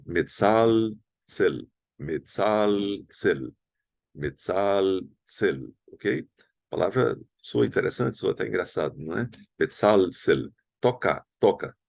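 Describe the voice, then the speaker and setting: A man with a very low voice and a Brazilian Portuguese accent teaches a recorded language lesson. He explains patiently and sounds out words slowly, again and again. The sound is dry and close, with no room around it. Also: vocal fry, no echo. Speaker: Hebrew teacher.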